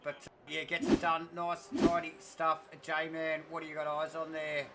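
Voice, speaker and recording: A man's voice: a little high, completely flat delivery, moderate pace, very noisy. A man doing live sim racing commentary in a chatty way, often handing questions to his co-commentator.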